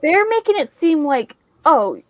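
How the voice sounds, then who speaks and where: A woman's voice: sits high, very animated, unhurried, no room sound. A woman hosting a book channel, reacting to a movie adaptation with exasperated, swearing commentary, a bit tipsy from whiskey, over a video call.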